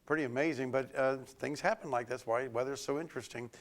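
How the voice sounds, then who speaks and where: A man delivers a local TV weather forecast, a bit hoarse from a cold, speaking loosely with lots of fillers and restarts. His voice is mid-range and his pace quick.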